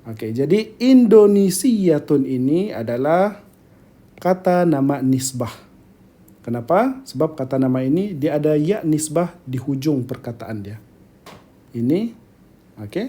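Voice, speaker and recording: Man, Malaysian accent, grammar lecture, slow delivery, slightly high pitch, repeats and checks understanding. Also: warm tone. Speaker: Arabic grammar teacher.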